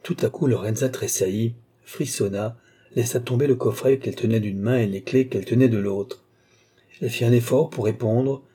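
Mellow, husky male audiobook narrator. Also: mid-range voice. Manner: steady, measured storytelling. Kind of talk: scripted narration.

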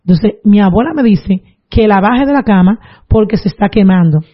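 Her medium-pitched voice is animated and moves at a normal speed as she recounts her faith testimony earnestly, breaking off now and then to preach. The audio sounds dull and lo-fi.

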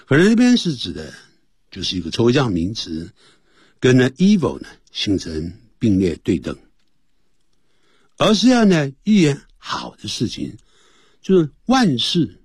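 A man teaching English on a radio lesson, explaining phrases in Chinese and reading English words slowly. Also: fairly low pitch, darkish tone, husky, dry recording, clean studio sound. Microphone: studio mic.

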